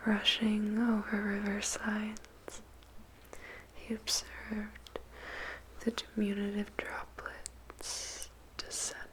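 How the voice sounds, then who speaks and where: Very slow, whispering woman reciting ASMR poetry. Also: mid-range voice, monotone, a bit bright, low-quality recording. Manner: deliberate, measured phrasing with dramatic pauses. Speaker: ASMR performer reciting a poem.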